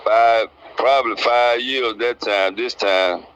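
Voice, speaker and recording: This man in his sixties has a Southern Alabama accent and a medium-pitched, fairly bright, smooth voice, and he takes his time. A prison inmate, he answers interview questions plainly and colloquially while recounting his experience, and the sound is lo-fi.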